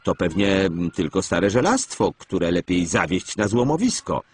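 A man's voice: sits low, sing-song, normal speed, darkish tone, a little hiss or hum. A man voicing two cheeky young twin tank engines in a cartoon story, teasing and mocking.

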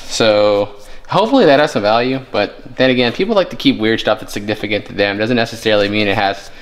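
A man's voice: lowish voice, lively intonation, quick pace, slight background noise. Chatty young man rummaging a storage unit. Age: young adult. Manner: chatty, joking, thinking aloud while rummaging. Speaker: storage unit treasure hunter. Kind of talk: casual vlog narration. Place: indoor metal storage unit.

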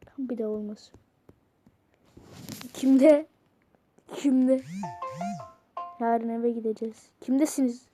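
A young woman, casually chatting and teasing while she voices a chatbot's replies, swinging between loud outbursts and muttering. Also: high-pitched, a little hiss or hum. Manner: playful, teasing, swears often. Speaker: vlogger chatting with an app bot.

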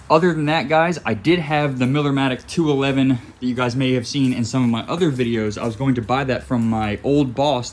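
A young man chatting casually while unboxing and setting up a welder in his garage workshop. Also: medium pitch. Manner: chatty, loose, talks while working with his hands. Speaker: welding hobbyist vlogger. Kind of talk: casual unboxing and how-to talk. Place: garage workshop with concrete floor. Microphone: phone camera held or propped nearby.

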